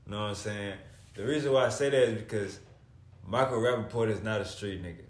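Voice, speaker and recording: A man's voice: fairly low pitch, fairly quick. A man talking casually as a podcast co-host, using street slang in short, declarative phrases. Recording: echoey room.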